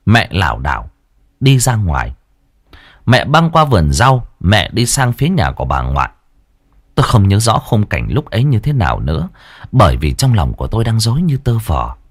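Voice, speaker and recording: A man's voice: huge pitch swings, moderate pace, dry recording, clean studio sound. A man narrating a horror story in a dramatic, tense way. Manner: dramatic, tense storytelling with wide swings in pitch. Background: faint background music.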